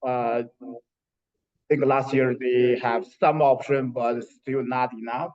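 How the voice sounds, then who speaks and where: A man speaks at a community meeting in a flat, even voice, pausing often on fillers. The recording is dull and lo-fi. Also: medium pitch. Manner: halting, many fillers. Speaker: council member. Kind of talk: meeting remarks.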